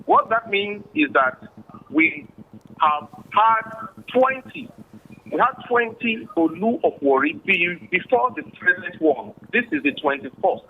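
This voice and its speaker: A man's voice: high-pitched, creaky, a little hiss or hum. A man with a Nigerian accent, a traditional chief, speaking formally in a remote interview over a bad, tinny connection. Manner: formal, measured, explanatory. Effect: bad remote connection, tinny phone-like line. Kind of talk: remote interview, historical explanation. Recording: tinny phone-like call line.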